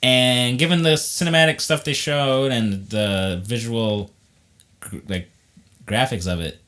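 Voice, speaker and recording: A man's voice: medium pitch, fairly even intonation, a little slow, a bit bright. A man co-hosting a podcast, going over game news in enthusiastic, blunt casual chat with mild swearing. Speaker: podcast co-host.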